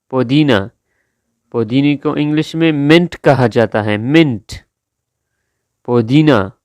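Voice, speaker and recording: Slow, deliberate male teacher. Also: mid-range voice, darkish tone, dry recording. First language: Urdu. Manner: drawn-out, careful pronunciation drills. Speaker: English vocabulary teacher. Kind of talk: slow vocabulary lesson, repeating each word.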